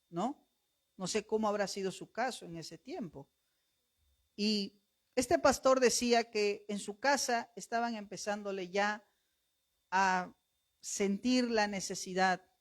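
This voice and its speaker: A male pastor preaching a sermon, telling a story with lively acted-out voices and rising to loud calls near the end. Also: high-pitched. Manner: animated storytelling, acts out family voices.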